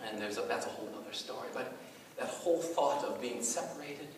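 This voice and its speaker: A middle-aged male pastor giving a sermon in an animated, conversational storytelling way, with many asides. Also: medium pitch, brisk. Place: church hall. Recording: echoey hall, mic far off, faint noise.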